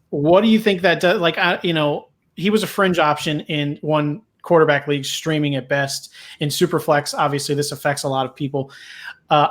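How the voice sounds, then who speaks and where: A man's voice: on the high side, fairly bright tone. A man hosting a casual sports talk show, talking with many fillers and restarts. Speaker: podcast host.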